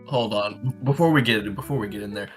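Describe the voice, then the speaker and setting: Male player, low voice, jokey banter, guitar music under. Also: fairly quick. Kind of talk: casual tabletop chat. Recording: soft guitar music behind.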